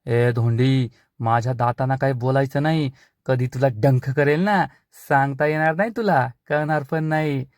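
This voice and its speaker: A man's voice: medium pitch, fairly even intonation, normal speed, no room sound, clean studio sound, lightly acted. A man doing a snide village schemer. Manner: snide, scoffing.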